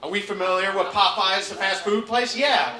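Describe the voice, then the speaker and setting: A young man from upstate New York doing a stand-up comedy set, trading wry deadpan asides for loud punchlines. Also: high voice, moderate pace. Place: comedy club at a resort. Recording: roomy club stage mic.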